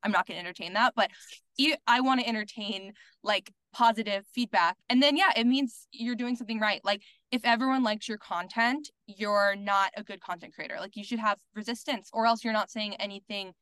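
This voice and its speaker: Speaking fairly quickly in a smooth, mid-range voice with a fairly bright tone, the woman is recorded without room sound. She's a podcast guest and content creator whose casual, outspoken talk is thick with "like" and sprinkled with the odd curse.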